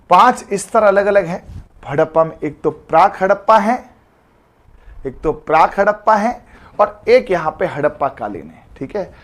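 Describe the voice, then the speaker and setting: A man's voice: high-pitched, fairly bright tone. A man teaching a live online exam-prep class in a chatty way. He calls his students "beta" and uses jokey memory tricks.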